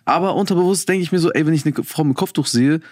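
A man's voice: a little high, quick pace, darkish tone, no room sound, studio quality. A young man co-hosting a casual chat, slangy and informal, thinking aloud as he goes. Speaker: podcast co-host.

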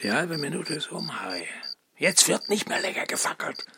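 Bossy gangster chief, radio play, high and gravelly, slow and lively, barking orders. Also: male voice, noisy background. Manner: barking commands. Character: blustering gangster boss, bossy and hot-headed.

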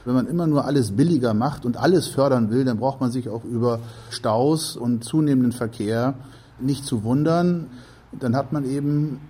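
A man's voice: mid-range voice, normal speed, warm tone, slightly rough. A man giving explanatory interview answers, building his points in repeated clauses. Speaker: transport advocate interviewee. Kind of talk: spoken interview argument.

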